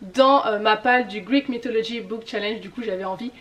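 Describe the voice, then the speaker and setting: A woman's voice: fairly high pitch, fairly quick, a bit bright. A woman presenting her autumn reading list as a video host, listing themes and titles in a casual, chatty way, her voice trailing off at the end of each list. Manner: lists keywords in a trailing tone. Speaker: booktuber.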